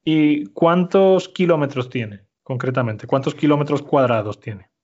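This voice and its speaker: Un hombre malagueño con acento andaluz da una clase de español con calma y paciencia. Repite las respuestas y explica cada palabra con claridad. La grabación suena algo apagada, de baja calidad. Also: male voice, fairly high pitch, unhurried, muffled recording. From Málaga, Spain. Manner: clear, patient, repeats and explains words. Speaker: Spanish teacher. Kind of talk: slow explanatory language lesson.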